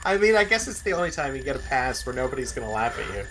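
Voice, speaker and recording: A man co-hosting a casual livestream, reacting to clips with amused, quick interjections. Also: medium pitch, very animated, noisy background. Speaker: livestream co-host. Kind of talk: casual chat about movies.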